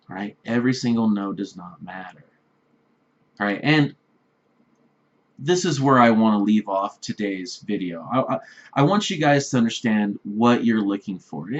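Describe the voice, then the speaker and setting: A man giving blunt, repetitive dating advice straight to the camera, often checking in with "right?". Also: on the low side. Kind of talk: direct-address advice vlog. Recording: slightly dull lo-fi recording.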